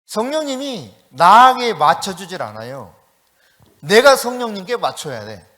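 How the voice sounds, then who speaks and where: Animated Korean pastor, bright voice. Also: male voice, high-pitched, measured pace, in a large hall. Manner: lively storytelling, acting out quoted voices. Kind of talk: sermon. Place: church sanctuary.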